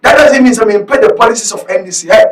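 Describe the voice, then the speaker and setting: A man with a Ghanaian English accent giving heated political commentary, often shouting and slipping between English and Twi. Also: high voice, rapid-fire, echoey room, recorded from a distance, background noise.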